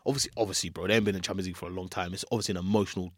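A man's voice: deep voice, fairly even intonation, rapid-fire, husky, no room sound, studio quality. A man with an urban London roadman accent chatting casually about football in slangy, repetitive, emphatic banter as a podcast host. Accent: London, urban street. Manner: slangy roadman talk, repeats phrases for emphasis.

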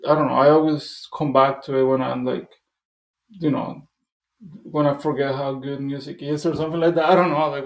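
Gravelly-voiced male musician in an echoey room. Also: medium pitch. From Costa Rica. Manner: loose and enthusiastic, full of "like" and "dude". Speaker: musician guest. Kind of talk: casual interview chat.

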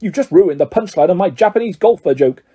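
Man putting on a blustering, high-pitched bullying uncle. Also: lively intonation, a little fast, warm tone, breathy edge. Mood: seething anger. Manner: menacing, blustering, false politeness before guests. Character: bullying, irritable middle-aged uncle. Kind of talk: audiobook character voice.

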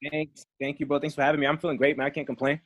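A man's voice: fairly high pitch, little pitch movement, very fast, a bit bright, no echo, studio quality. Easygoing man. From Belgium and Congo. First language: French. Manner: friendly, easygoing storytelling. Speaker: guest musician. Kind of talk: casual podcast chat.

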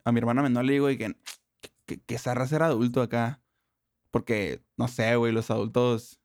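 Casting: young man, northern Mexican accent, mid-pitched, casual and foul-mouthed with heavy slang, close dry sound. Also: steady tone, fairly quick, darkish tone, dry recording. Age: young adult. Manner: profane, heavy street slang. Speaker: interview guest.

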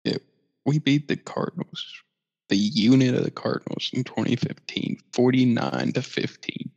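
A man's voice: medium pitch, normal speed, creaky, darkish tone, slightly rough. A man co-hosting a casual sports podcast, laid-back, swearing and laughing as he talks. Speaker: podcast co-host. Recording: roomy echo, dull lo-fi sound.

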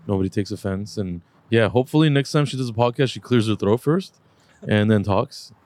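Low-voiced teasing podcast host. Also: male voice, fairly quick, dry recording. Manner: relaxed, rambling, teasing. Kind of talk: casual podcast interview.

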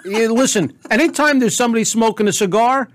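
A man's voice: extremely high pitch, quick pace, noisy background. Joking, teasing middle-aged man. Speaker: podcast co-host. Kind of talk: casual banter.

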